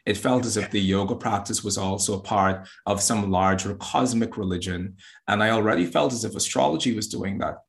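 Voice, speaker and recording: Speaking fairly quickly with a lowish voice and some vocal fry, this Bahamian guest, an astrologer and yoga teacher, is earnest in a relaxed interview. He keeps restarting what he's saying.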